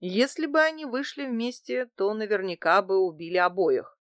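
A woman's voice: mid-range voice, normal speed, no echo, clean studio sound, natural voice. Woman voicing a smug flirtatious businessman. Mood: explaining. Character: smug married male travel agency director. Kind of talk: audiobook character voicing.

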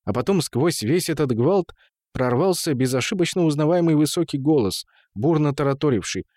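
A man reading an audiobook in measured storytelling, voicing the characters. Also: fairly high pitch, expressive, darkish tone, no room sound, studio quality. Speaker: narrator. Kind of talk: audiobook narration.

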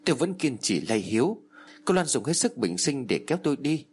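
A man narrating a horror story, voicing the shouts and pleas of its characters in a dramatic storytelling manner. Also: very animated, fairly quick, slight background noise. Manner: acts out the characters' shouts and pleas with raised pitch.

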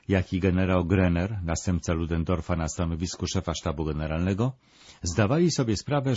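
A man narrates a historical documentary in a measured, even reading voice. His voice sits low and has a husky edge. The recording is dry and dull, with a lo-fi sound. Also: no echo.

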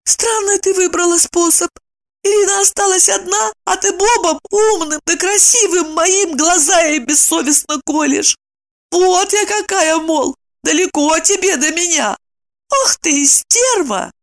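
Woman doing a squeaky fretful housewife. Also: expressive, moderate pace, creaky, heavily acted. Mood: scolding. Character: fussy anxious woman, squeaky, superstitious.

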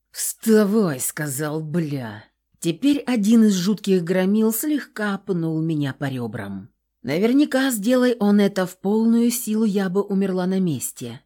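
A woman's voice: mid-range voice, mellow. A woman narrating an audiobook in the first person, with a tense, dramatic delivery.

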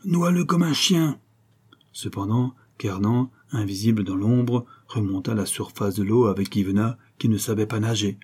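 A man narrating a historical novel as an audiobook, telling the story at a steady, measured pace. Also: lowish voice, husky.

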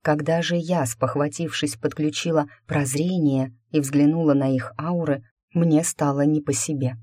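Dark-toned steady audiobook reader. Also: medium pitch, normal speed, no echo, clean studio sound. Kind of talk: scripted fantasy narration.

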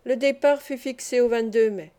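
A woman reading a classic novel aloud as an audiobook, calm and measured, lifting her voice slightly for the characters' lines. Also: fairly high pitch, clear, resonant tone. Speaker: audiobook reader. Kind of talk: scripted narration of a classic novel.

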